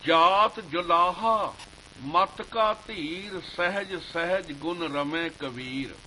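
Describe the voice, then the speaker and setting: A man giving a slow devotional sermon, reciting scripture verses in a measured chanting cadence. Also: fairly high pitch, sharp tone, slight background noise, poor audio. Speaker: Sikh preacher.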